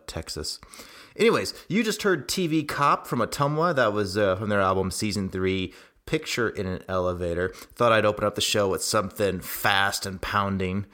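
Low-voiced man hosting radio, cave-like echo. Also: fairly bright tone. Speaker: radio show host. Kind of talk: casual music radio hosting. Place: bungalow, sounding like a cave. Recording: cave-like echoey sound.

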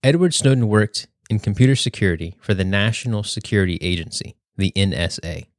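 A young man hosting a podcast, reading a prepared speech in a measured, earnest way. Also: lowish voice, lively intonation, no room sound, clean studio sound. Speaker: podcast host.

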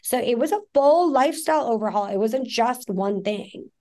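Her voice is a little high, expressive and warm, moving at a moderate pace. She is a woman in her forties who grew up in Pakistan, giving a candid podcast interview where she speaks frankly in long stretches full of fillers.

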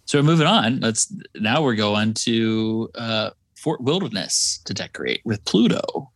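A man co-hosting a podcast who leads the rundown, recapping step by step in relaxed casual chat. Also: on the low side, unhurried, dry recording. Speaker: podcast co-host leading the episode rundown.

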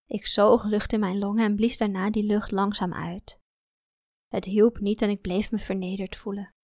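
A woman's voice: medium pitch, level tone, moderate pace, a little mellow, no room sound, studio quality. A woman reading a first-person story aloud in a confiding, introspective manner. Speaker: audiobook narrator. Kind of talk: first-person scripted narration.

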